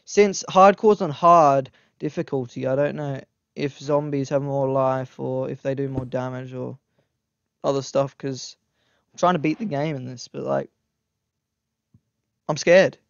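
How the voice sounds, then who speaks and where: A man giving excitable gameplay commentary, talking straight to his viewers and yelping when scared. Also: medium pitch, unhurried, creaky, pauses often, smooth, dry recording, highs cut off. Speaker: gaming YouTuber.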